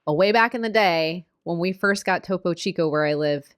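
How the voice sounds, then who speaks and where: A woman co-hosting a casual diet podcast, upbeat and quick to laugh. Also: on the low side. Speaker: podcast co-host, diet coach.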